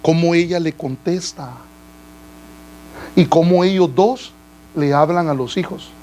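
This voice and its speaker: A man's voice: on the high side, a little slow, a little mellow, rough recording. A man pastor preaching a sermon in a church, asking the congregation questions and calling them brother. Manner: addresses listeners as brother.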